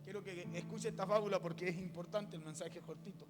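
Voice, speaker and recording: A male pastor with a high, fairly evenly intoned voice tells a fable at a quick pace during his sermon, often turning to speak straight to the congregation. He's in a church, and the recording has the echo of a large hall with music playing.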